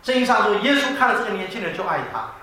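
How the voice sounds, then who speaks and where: A middle-aged male preacher with a high, bright voice tells his sermon as a string of self-mocking stories. He chuckles through his points and keeps the telling animated. He sounds far from the mic in a very echoey hall with faint room noise. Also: very fast. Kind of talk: humorous sermon.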